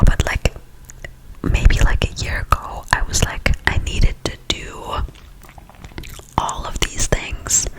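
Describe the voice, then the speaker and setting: Pure whisper, unhurried pace, breathy, casual ASMR ramble, close ear-to-ear mic. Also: low-quality recording. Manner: slow, soft, hesitant rambling delivery. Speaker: ASMR video creator. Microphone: close, highly sensitive ear-to-ear stereo microphone.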